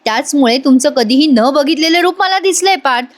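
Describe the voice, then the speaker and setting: A woman's voice: high-pitched, lively intonation, fairly quick, voice pushed up. Woman reading a reproachful young wife.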